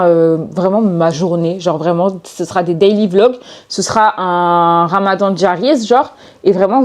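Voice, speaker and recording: A woman's voice: mid-range voice, dark tone. A young woman vlogging casually, chatting informally with many fillers and slang to her viewers. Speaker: lifestyle vlogger. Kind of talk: casual vlog talk to camera.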